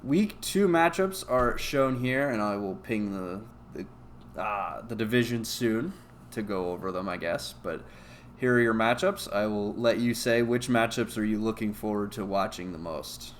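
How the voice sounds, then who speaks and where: Man, low voice, laid-back, teasing co-host, casual recap commentary. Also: expressive, moderate pace, a little hiss or hum. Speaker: league co-host.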